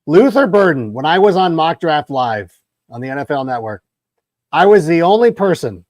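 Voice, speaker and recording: A man with a slightly raised pitch hosts a sports talk podcast, letting his stories wander through digressions and restarts. The sound is dry and close, with no room around it. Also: big pitch swings, normal speed, darkish tone, dry recording. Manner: long-winded, rambling storyteller. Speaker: podcast host. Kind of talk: casual sports podcast chat.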